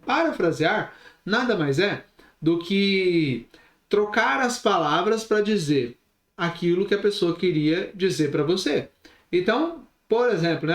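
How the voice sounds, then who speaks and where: Brazilian male instructor, higher voice, animated, talks with his hands; roomy echo. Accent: Brazilian Portuguese. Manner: expressive, gestures while talking. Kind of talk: recorded online class.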